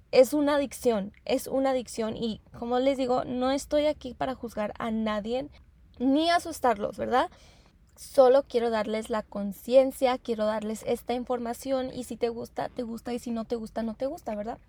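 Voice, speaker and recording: Higher-voiced woman explaining, dry sound. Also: darkish tone, dry recording. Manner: explains with many rhetorical tag questions; halting, repeats and restarts phrases. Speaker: self-help speaker. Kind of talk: informal talk to camera.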